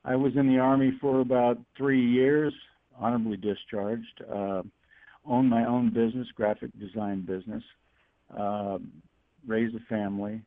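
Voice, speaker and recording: A man's voice: medium pitch, little pitch movement, dry recording. Middle-aged man on a tinny phone line. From Northern California. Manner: halting, with frequent fillers and restarts. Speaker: guest editorial cartoonist. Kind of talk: talk radio interview over the phone. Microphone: telephone.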